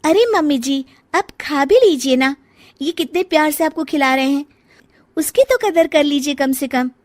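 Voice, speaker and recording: An outspoken young daughter-in-law played by a woman in a family drama tale, with a highish voice. She chides and coaxes expressively, heard close in a dry recording. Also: normal speed, darkish tone, dry recording, lightly acted. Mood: coaxing. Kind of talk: acted dialogue in a family audio story.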